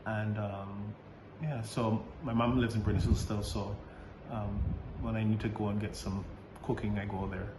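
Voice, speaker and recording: The Barbadian priest's low male voice is flat as he answers casual interview questions. His speech is hesitant and halting, full of fillers and restarts, punctuated by frequent laughter, in a roomy recording with faint background noise.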